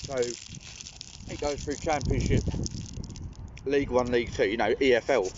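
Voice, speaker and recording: A man's voice: mid-range voice, normal speed. British man, thirties, casual mukbang eater rambling between bites; muffled outdoor phone sound with wind noise. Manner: rambling, talking between mouthfuls while eating. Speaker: online video creator. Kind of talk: casual mukbang eating chat. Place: outdoors near a building and bare trees. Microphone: phone propped below at arm's length.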